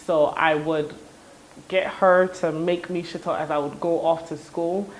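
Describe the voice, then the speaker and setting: A young woman from Ghana, raised in the States, telling her story as an entrepreneur in a relaxed, chatty interview with fillers. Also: deep voice, measured pace, a little hiss or hum, poor audio. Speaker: entrepreneur guest. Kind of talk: interview conversation.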